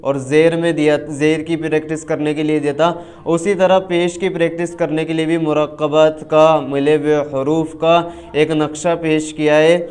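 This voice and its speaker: A man leads a reading lesson. He stretches each letter drill into a slow sing-song chant. Between drills he explains quickly. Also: on the high side, level tone, a little mellow. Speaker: Quran reading teacher. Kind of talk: online reading lesson, spelling out syllables.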